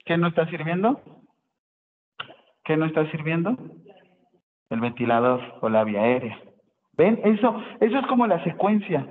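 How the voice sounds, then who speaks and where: A man's voice: a little high, very animated, normal speed, pauses often. A man, explaining a nursing topic to his class and often asking questions back. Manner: explanatory, asks rhetorical questions, self-correcting. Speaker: nursing student presenting. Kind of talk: classroom presentation. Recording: tinny phone-line sound in echoey hall.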